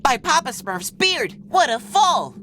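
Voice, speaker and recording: A woman's voice: mid-range voice, very animated, normal speed, a bit bright, faint music behind. A woman voicing a small, chatty, earnest male Smurf in a video game, wordy and fussy. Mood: alarmed. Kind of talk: video game cutscene acting.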